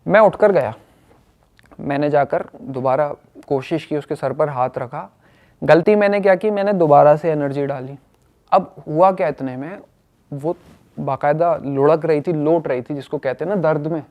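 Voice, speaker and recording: Animated young man telling a story. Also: on the high side, normal speed. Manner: animated, acts out quoted speech. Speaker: guest telling a personal story. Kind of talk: casual storytelling.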